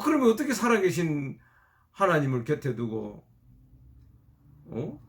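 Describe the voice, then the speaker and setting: A man's voice: a little high, creaky, heavily acted. A man voicing a distraught middle-aged wife who wails and scolds her husband. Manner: wailing, lamenting.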